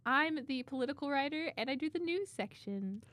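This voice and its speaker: A woman's voice: high-pitched, lively intonation, a little fast, fairly bright tone, no room sound. A young woman from Kansas, co-hosting a podcast in a giggly, teasing way. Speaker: podcast co-host and political writer. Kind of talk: casual chat.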